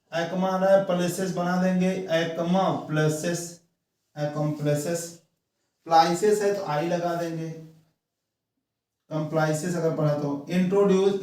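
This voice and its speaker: A man from India with a North Indian accent, teaching a shorthand lesson slowly and step by step, repeating each word. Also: high voice, a little mellow. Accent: Hindi-speaking North Indian. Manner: slow, repetitive, step-by-step explaining. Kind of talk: classroom shorthand dictation lesson. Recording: echoey room, voice from far off mic.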